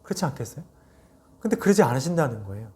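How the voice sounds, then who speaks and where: A man in his forties, a pastor preaching a Sunday sermon with earnest emphasis and a personal story told in a quieter voice. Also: medium pitch, big pitch swings, racing, breathy edge. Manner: earnest, rising emphatic phrases then soft drops.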